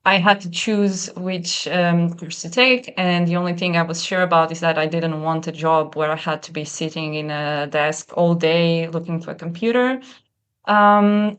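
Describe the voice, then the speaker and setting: A young woman with a Portuguese accent talks through her path as a guest in a relaxed chat. Her voice sits low and sounds smooth and clear. She pauses often and fills the gaps with small hesitations. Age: young adult. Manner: thoughtful, with many pauses and fillers. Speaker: guest, PhD researcher. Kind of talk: casual conversation.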